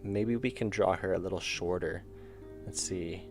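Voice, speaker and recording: Over soft background music, a male streamer who also makes indie games talks at a moderate pace in a low, gravelly, darkish voice. He rambles and thinks aloud while drawing, restarting and chuckling, and his voice is clearly giving out.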